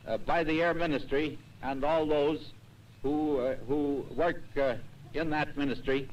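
A man's voice: on the high side, steady tone, darkish tone, lo-fi sound. Distant man speaking in old newsreel. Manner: halting, with many uh fillers. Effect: old 1940s newsreel sound. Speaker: official making a speech. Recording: distant ceremony recording with hiss.

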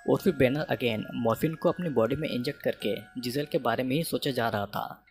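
Man narrating a movie recap over music. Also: mid-range voice. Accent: Hindi. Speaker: movie explainer. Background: faint background music.

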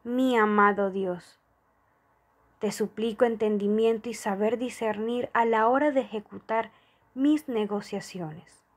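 A woman reading a prayer and money affirmations aloud in a slow, soft, devotional manner. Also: fairly high pitch. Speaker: prayer reader.

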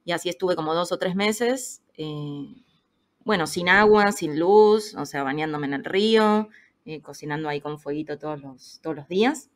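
A woman in her thirties with an Argentine Spanish accent and a slightly low voice. She tells a personal story in an easy, chatty podcast manner. She brings the people she quotes to life with little changes of voice. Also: normal speed. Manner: lively, acts out quoted voices. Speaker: podcast guest. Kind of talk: casual storytelling chat.

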